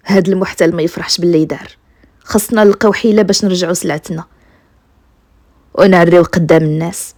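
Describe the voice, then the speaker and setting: A woman's voice: lowish voice, fairly even intonation, fast, pauses often, darkish tone, no echo, studio quality, natural voice. A woman with a Moroccan accent voicing a wronged, cunning husband in bedtime folk-tale storytelling. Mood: resolute.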